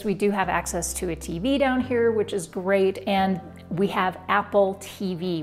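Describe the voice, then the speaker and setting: Upbeat woman in her forties, chatty vlog host talking to camera on a lapel mic, faint music under her. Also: medium pitch. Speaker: fitness vlogger. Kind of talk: home room tour vlog. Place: basement home gym, indoors.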